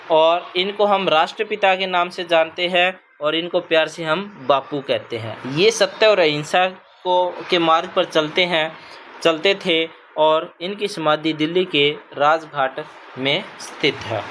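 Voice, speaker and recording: A man's voice: fairly high pitch, unhurried, fairly bright tone, slight background noise. A man teaching a primary school language lesson to children, patient and repetitive, checking in with the class often. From Punjab. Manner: patient, repeats "ठीक है बच्चों" often.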